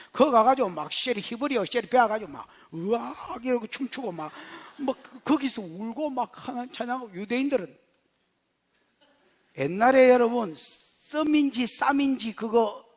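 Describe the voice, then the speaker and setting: A male pastor with a Gyeongsang Korean accent, preaching an expository sermon in a blunt, colloquial way that swings from shouting to whispering. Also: very high-pitched, animated, normal speed. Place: church sanctuary.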